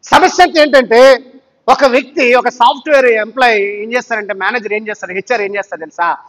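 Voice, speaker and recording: A male pastor with a strikingly high voice preaches in a church hall, the sound ringing with a long reverb. He presses his points with emphatic rhetorical questions aimed at the congregation. His delivery is urging, in full sermon mode. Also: brisk, a bit bright.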